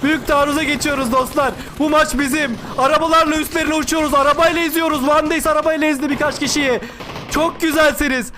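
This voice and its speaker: A man giving excited live play-by-play commentary on an online game tournament, repeating calls and cheering his side on. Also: very high voice, quick pace, slight background noise. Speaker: esports commentator.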